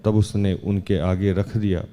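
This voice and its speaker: A male preacher with a low, mellow voice reads scripture at an unhurried, measured pace. Between the readings he preaches with rising emphasis. A long reverb trails his words. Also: flat delivery. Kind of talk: Hindi sermon with Bible reading.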